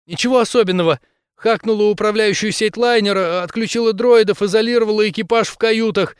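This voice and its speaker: A man voicing a frightened young woman hacker who pleads in a rapid, tearful way. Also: sits high, animated, dry recording, clean studio sound, voice pushed up. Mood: frantic.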